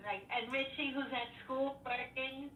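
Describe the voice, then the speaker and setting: A woman's voice: sits high, steady tone, a little slow, a bit bright. An older woman chatting casually as a co-host. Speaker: co-host, host's mother. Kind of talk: casual chat. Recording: roomy, distant mic, faint noise.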